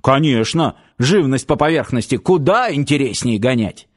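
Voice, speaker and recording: A man reading an audiobook, voicing a gruff, caring grey-bearded grandfather who grumbles unhurriedly. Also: medium pitch, expressive, normal speed, lightly acted. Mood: grumbling.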